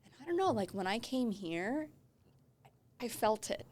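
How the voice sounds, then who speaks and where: A woman's voice: on the high side, sing-song, a little slow, a little mellow. A woman in her twenties from Colorado, a medical student guest explaining her choices thoughtfully in a casual podcast interview. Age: 20s.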